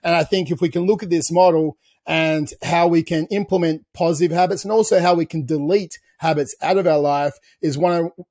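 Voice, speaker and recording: A man co-hosting a podcast, his voice slightly high and husky. He talks in a casual, explanatory way, circling back and restarting mid-thought. The sound is dry and close. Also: a little mellow, dry recording. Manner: explains at length, with restarts and "you know" asides. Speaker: podcast co-host.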